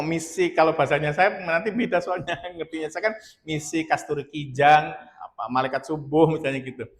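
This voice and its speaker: A man's voice: high voice, a bit bright, echoey room. A man giving a humorous religious talk at a marriage seminar, acting out little dialogues with laughter. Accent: Indonesian.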